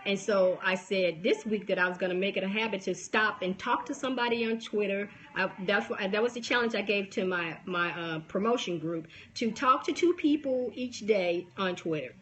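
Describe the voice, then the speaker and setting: This forties-aged podcaster and book promotion coach has a youthful baby voice, medium in pitch and fairly bright. Chatting casually on a phone live stream about book promotion, she talks at normal speed with few pauses, restarting often and laughing a lot.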